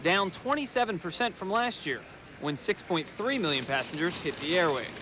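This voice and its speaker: High-pitched, animated male TV reporter. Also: moderate pace, background noise. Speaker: TV news reporter. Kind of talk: scripted news package narration.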